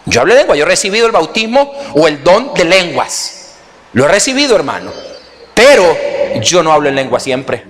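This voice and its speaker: A man's voice: a little high, normal speed. A pastor with a Salvadoran accent preaches in a church sanctuary, his raised voice swooping up and down as he jokes and keeps turning to the congregation. A long reverb from the hall trails after every phrase. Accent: Salvadoran Spanish. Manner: animated and joking, often calls out "hermano" to the congregation. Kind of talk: lively sermon.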